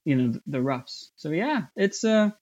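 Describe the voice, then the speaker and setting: Man with a high, halting voice. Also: very animated, darkish tone, dull audio. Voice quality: somewhat high voice. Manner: halting, many fillers and restarts. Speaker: voice actor guest. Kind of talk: casual interview chat.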